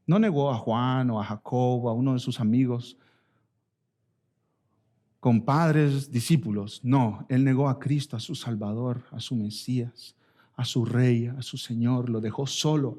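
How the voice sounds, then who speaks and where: Man, pastor, sermon, emphatic highs, hushed slow drops, mid-pitched voice. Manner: addresses listeners as brother and sisters.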